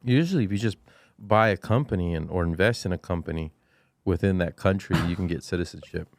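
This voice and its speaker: Low-voiced drawling man, dry mic. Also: a little fast, dry recording. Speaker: podcast co-host. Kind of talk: casual comedic chat.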